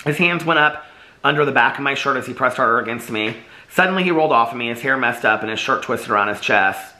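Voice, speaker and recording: A man whose voice is slightly going chats in a friendly, casual way before reading his own novel aloud, unpolished and with small restarts. His mid-range voice is pushed and bright, fast, with lively intonation.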